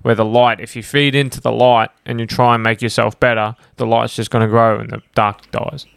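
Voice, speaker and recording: A man co-hosting a podcast in casual chat, excitable and swearing freely. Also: mid-range voice, a little fast, creaky, clean tone, no room sound. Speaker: podcast co-host. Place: hot room with windows open.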